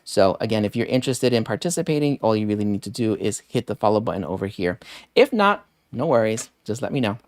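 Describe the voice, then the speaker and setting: A man's voice: lowish voice, lively intonation, fast talker, dry recording. A man hosting a live deals stream, chatting casually and rambling with many fillers while thanking viewers by name. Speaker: livestream deals host.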